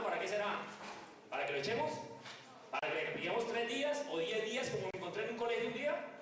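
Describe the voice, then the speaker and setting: A man's voice: high voice, fairly bright tone, slight background noise. Man lecturing in an echoey hall. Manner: conversational, asks the audience questions. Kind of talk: lecture on restorative justice. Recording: echoey hall, mic far off.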